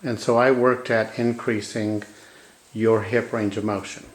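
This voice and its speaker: Calm male therapist explaining a demonstration. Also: on the low side, measured pace, poor audio. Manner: calm, explanatory, speaks gently to the patient. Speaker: manual physical therapist. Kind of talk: clinical demonstration. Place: treatment room.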